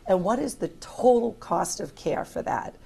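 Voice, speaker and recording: An American woman speaking as an insurance executive on a panel, measured and deliberate with a dry touch. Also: mid-range voice, animated, creaky, warm tone, breathy edge. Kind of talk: panel discussion remarks. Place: conference room panel.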